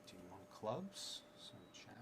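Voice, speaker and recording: Steady, clear background noise fills this theatre room where a man in his 30s hosts a solo role-playing live stream from a table, talking through a solo card game. His voice is fairly low, his manner relaxed; he reasons aloud and slips into murmured asides.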